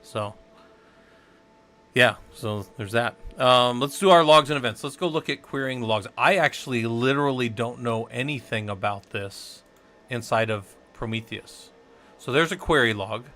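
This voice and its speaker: With a pushed, bright voice of medium pitch at a normal pace, a Southwestern US man walks viewers through a laid-back live-stream tech tutorial, talking to himself and to the chat as he works.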